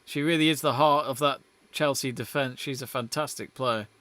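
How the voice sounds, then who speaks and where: A man's voice: medium pitch, steady tone, normal speed, fairly bright tone. A young man hosting a live football watch-along stream, chatting casually, reading out viewer messages and calling the play as it happens.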